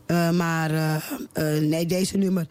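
A woman's voice: sits low, flat delivery, slow, darkish tone, clear, resonant tone, no room sound. A woman in her forties, a singer being interviewed on the radio, talking in a hesitant, chatty way full of fillers and restarts. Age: 40s. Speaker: singer guest.

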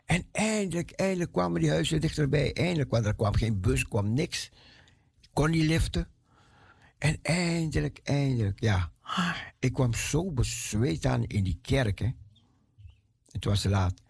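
Lively, gravelly man telling a story. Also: mid-range voice, a little slow, dry recording, clean studio sound. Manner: lively, acts out the voices of the people in his story; repeats words for emphasis. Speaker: speaker giving a personal testimony. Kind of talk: animated storytelling.

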